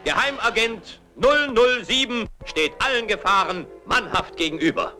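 A man's voice: high voice, expressive, moderate pace, over music. A man playing an emphatic, heroic announcer of spy adventures, in vintage film trailer style.

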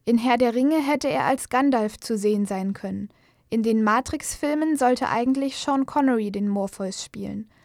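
A woman narrates a scripted news portrait. Her voice is a little high and recorded very dry in a studio. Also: normal speed, darkish tone, no echo.

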